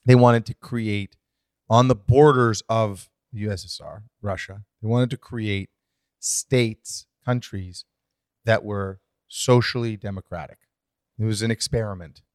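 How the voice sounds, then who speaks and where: A man co-hosting a casual podcast chat, explaining current events in an animated, swinging way. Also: on the low side, unhurried, no echo, clean studio sound. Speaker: podcast co-host.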